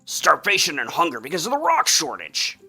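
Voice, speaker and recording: A man voicing a huge, furious male Goron chief while reading game dialogue aloud, shouting and indignant. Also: a little high, wildly swooping pitch, brisk, slightly rough, soft background music, voice pushed up, exaggerated voice. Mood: angry.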